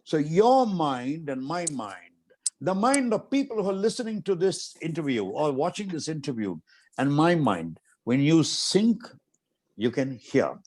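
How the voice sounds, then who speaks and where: A man's voice: fairly high pitch, sing-song, measured pace, darkish tone. A middle-aged man from India guiding a guest through exercises in an interview, commanding and coaxing, repeating short instructions. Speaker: martial arts master guiding an interview demonstration. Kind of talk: instructing over a video call.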